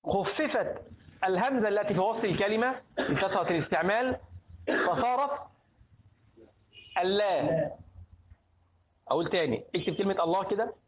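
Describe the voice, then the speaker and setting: High-voiced Egyptian teacher quizzing his class. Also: animated, normal speed, long pauses, narrow, tinny audio. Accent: Egyptian Arabic. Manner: questioning students, prompting answers. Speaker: religious teacher. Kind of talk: classroom lesson on creed.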